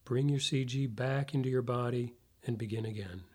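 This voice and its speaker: A man leading a guided breathing meditation in a measured, instructional way, leaving long pauses. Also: mid-range voice, fairly even intonation, darkish tone.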